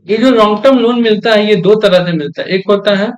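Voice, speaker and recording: A man's voice: high voice, a little fast. A young man teaching commerce in a classroom lecture style, repeating key terms and checking with frequent questions whether students understood.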